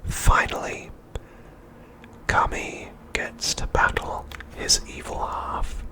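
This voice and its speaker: A man whispers an episode recap in the style of an ASMR host, his voice hushed, breathy and unvoiced, with a deliberate delivery.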